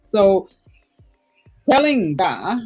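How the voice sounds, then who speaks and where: A woman's voice: medium pitch, sing-song, drawn-out words, a little mellow, husky, faint music behind, rough recording. A woman from Portugal hosting a casual podcast interview, effusive and chatty. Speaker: podcast host.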